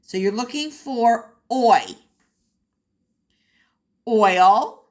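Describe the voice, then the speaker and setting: A woman teaches kindergarten phonics at a very slow, deliberate pace. Her pitch swings freely as she stretches and repeats single words with exaggerated emphasis. She speaks straight to the children in an encouraging way. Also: sing-song. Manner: sounds out words slowly and repeats them. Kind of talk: phonics lesson addressed to young children.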